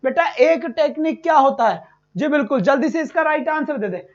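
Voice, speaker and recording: High-voiced man teaching. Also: normal speed, muffled recording. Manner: energetic, repetitive, calls students "beta". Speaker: exam-prep teacher. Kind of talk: online exam-prep lesson.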